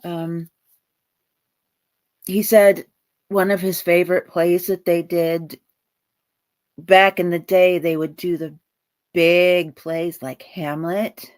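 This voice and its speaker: A woman hosting a live psychic reading, talking in a halting way and searching for words. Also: lowish voice, level tone. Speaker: psychic medium host.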